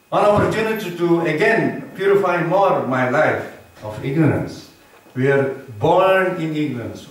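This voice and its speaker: A man giving an earnest sermon on scripture in a temple, quizzing his listeners with short tag questions. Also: a little high. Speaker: temple preacher. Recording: very echoey hall, distant mic.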